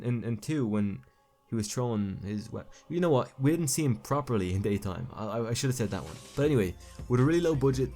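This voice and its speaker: This mellow, medium-pitched male voice belongs to a young YouTube film commentator chatting loosely over footage. His talk wanders, with frequent stumbles, restarts, and mid-sentence self-corrections, recorded through a home mic.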